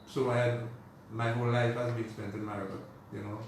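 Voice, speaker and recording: A man with a Dominican accent talks casually as an interview guest, rambling conversationally and often saying "you know". His mid-range voice is brisk with flat delivery, recorded on a distant mic in a very echoey, noisy room.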